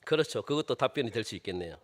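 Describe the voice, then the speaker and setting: A man preaching a sermon as pastor, animated and firing rhetorical questions at the congregation. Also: medium pitch, very fast.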